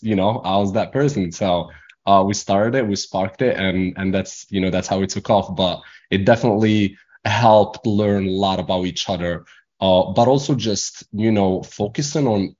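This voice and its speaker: A young man from Morocco speaks in a very deep voice, English being his second language. He rambles through his answers with frequent fillers and false starts. The recording is a little dull and lo-fi. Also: darkish tone. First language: not English. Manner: rambling, many restarts and fillers. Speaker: guest entrepreneur. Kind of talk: casual interview talk.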